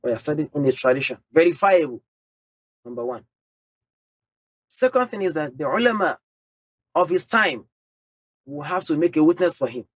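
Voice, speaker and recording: A man's voice: fairly high pitch, animated, moderate pace, pauses often, dry recording. A man giving a religious lecture, speaking emphatically, laying out numbered points and sprinkling in Arabic terms. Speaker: Islamic teacher.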